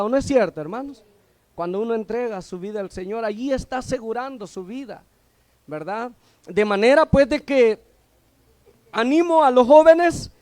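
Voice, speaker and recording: A man from El Salvador preaching a sermon as a deacon, who keeps asking the congregation questions and pausing for their reply. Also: very high voice, a little mellow, dry recording.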